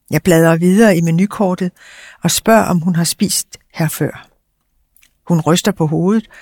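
A man reading a first-person story aloud in a quiet, understated way. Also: high-pitched, gravelly, no echo, clean studio sound.

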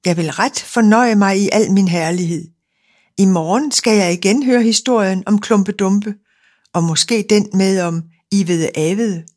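A woman's voice: mid-range voice, a little mellow, natural voice. A woman reading the thoughts of an anxious, naive fir tree in a fairy tale. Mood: wondering. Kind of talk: storybook reading.

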